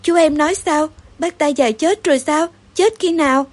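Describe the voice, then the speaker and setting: A woman's voice: a little high, fast, darkish tone, natural voice. A woman voicing a stern female goose schoolteacher who scolds, in a storybook reading. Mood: astonished.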